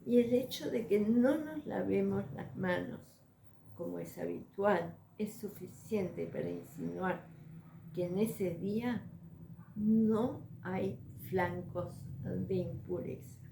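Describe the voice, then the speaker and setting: Very slow-speaking woman teacher, echoey room. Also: mid-range voice, creaky, noisy background. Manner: measured, pausing often to search for words. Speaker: spiritual coach and teacher. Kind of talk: slow, deliberate religious teaching.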